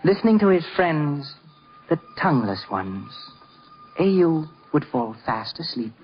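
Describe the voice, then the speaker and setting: A man with a slightly high, very animated voice narrates a scripted story at an unhurried pace, in a theatrical, lyrical 1950s radio style full of dramatic emphasis. The old radio recording sounds dull, and music is prominent behind him.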